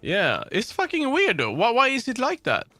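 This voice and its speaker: A man livestreams casual, informal chat about tech gear, swearing frequently, with music playing in the background. His very high voice swoops wildly in pitch, sounding pushed and bright at a normal speed. The dry sound has no echo and comes from a streaming microphone on a sound card.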